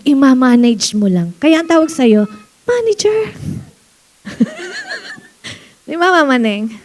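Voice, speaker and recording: Lively high-voiced woman preaching. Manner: animated preaching mixing Tagalog and English, reads verses slowly, laughs often. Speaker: pastor. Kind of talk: sermon. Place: church.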